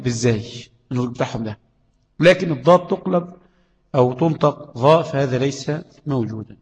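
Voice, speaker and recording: Recorded in a large hall with poor audio, this Quran recitation teacher has an Egyptian accent and a fairly high-pitched voice. During his tajweed lesson he explains letters and checks that listeners follow by asking rhetorical questions.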